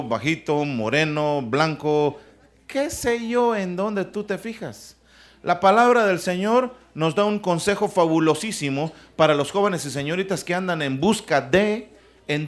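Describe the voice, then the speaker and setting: A man preaching a sermon in a church, lively, with humorous asides and questions to his listeners. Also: sits high.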